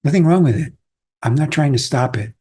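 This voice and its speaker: A man from Austria giving a calm, reflective dharma talk as a Zen teacher, unhurried and pausing often. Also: fairly high pitch, husky.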